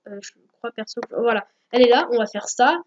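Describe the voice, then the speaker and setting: A woman recording a software tutorial at home, hesitant, full of fillers and self-corrections. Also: on the high side, fast talker, dull audio, slight background noise. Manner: hesitant, many fillers, corrects herself often. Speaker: YouTube tutorial maker.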